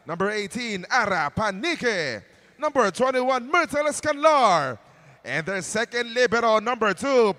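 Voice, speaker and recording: A man announcing teams and players at a volleyball match in emphatic, drawn-out calls. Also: extremely high pitch, pushed and bright. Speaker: arena game announcer. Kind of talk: booming player introductions.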